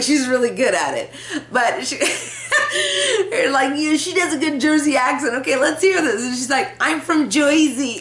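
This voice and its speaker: Chatting loosely into her camera at home, this vlogger rambles, jokes at her own expense and laughs often. Her voice is a little high and fairly bright. The sound comes through the built-in camera mic in an echoey room.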